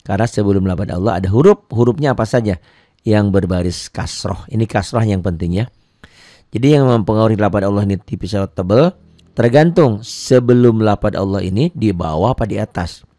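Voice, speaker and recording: A man's voice: on the low side, warm tone, no echo, studio quality. A man teaching Quran recitation rules to beginners, explaining patiently and repeating each point step by step. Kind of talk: tajwid lesson with recited examples.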